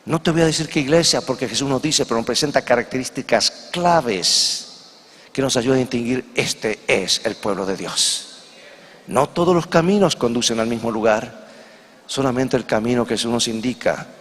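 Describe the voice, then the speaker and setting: A man's voice: medium pitch, a little fast, long reverb tail. A male pastor preaching a sermon, telling stories and putting rhetorical questions to the congregation. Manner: addresses the congregation directly, asks rhetorical questions. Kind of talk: sermon with storytelling.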